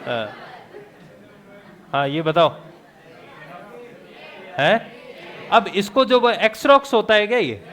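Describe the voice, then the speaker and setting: A male teacher lectures a class. He keeps throwing quick questions at the students and answers them himself, with jokes along the way. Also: sits high, sing-song, a bit bright, some chatter behind. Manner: jokey, laughs at his own remarks.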